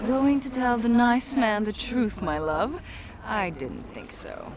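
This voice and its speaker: A woman's voice: fairly high pitch, lively intonation, slow, background noise. A woman voicing a sly, seductive demoness companion in a video game, teasing, scheming and coolly dismissive. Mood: mocking.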